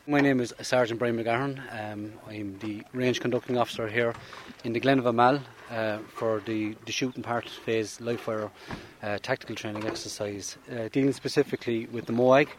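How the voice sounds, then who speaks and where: A man's voice: medium pitch, steady tone, normal speed, few pauses. A man, an army sergeant, explaining his job formally in an interview. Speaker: army sergeant, range officer. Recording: field recording with faint noise and clicks.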